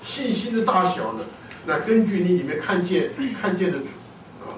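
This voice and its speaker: Casting note: male preacher with a high voice, animated sermon delivery, distant mic in a reverberant hall. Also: moderate pace, slight background noise. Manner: animated, often asks the congregation questions and answers them himself.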